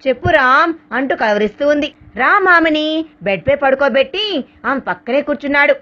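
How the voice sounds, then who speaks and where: A woman narrates a romantic audio story in a steady, unhurried way. Her voice is high. The recording is dull and lo-fi.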